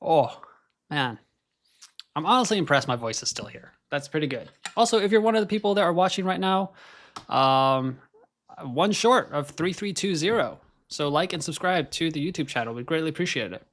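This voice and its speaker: With a fairly high, slightly bright voice and lively intonation at a moderate pace, this young livestream host chats casually while qualifying plays. He was born in Scotland but has an American accent.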